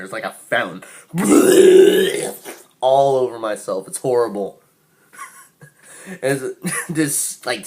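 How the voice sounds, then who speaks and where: A young man telling a rambling, crude personal anecdote and laughing often as he goes. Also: medium pitch. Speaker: storyteller.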